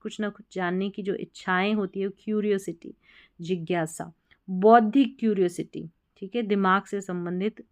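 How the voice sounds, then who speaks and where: A woman teaches English spelling and reading. She sounds out each word one letter at a time, then explains what it means. She speaks slowly, in a smooth, resonant voice of middle pitch. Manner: spells words out letter by letter, then gives the meaning.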